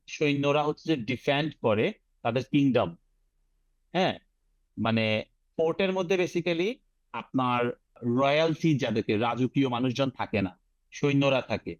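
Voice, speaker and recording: A man's voice: mid-range voice, dry recording, dull audio. A man with a Bangladeshi accent teaching an online IELTS class, breaking words into sounds and having students repeat them. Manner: drills words syllable by syllable, mixing English phrases into his explanations.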